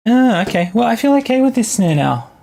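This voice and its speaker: With big pitch swings in a mid-range, gravelly, darkish voice, a young adult music producer talks casually to stream viewers. The chat is halting and think-aloud as the tracks take shape.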